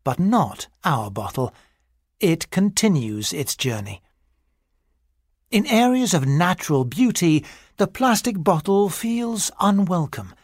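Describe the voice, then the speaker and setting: A medium-pitched, sing-song narrator delivers a mock-serious nature documentary script, measured and clearly scripted, as a listening exercise. The studio sound is clean, with no echo.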